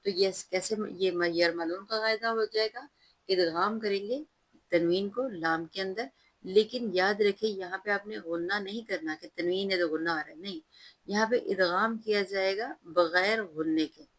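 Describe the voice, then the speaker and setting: A woman teaching recitation, who alternates drawn-out chanted recitation with calm, patient spoken explanation. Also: medium pitch, rough recording. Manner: patient, instructive tone. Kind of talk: slow, careful recitation lesson.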